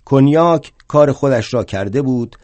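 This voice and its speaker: A man's voice: mid-range voice, lively intonation, no echo, lightly acted. An older man playing a proud, indignant old revolutionary. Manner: wry storytelling, rising to indignant shouts. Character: aging male revolutionary thinker, proud and indignant. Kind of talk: one-man stage play monologue.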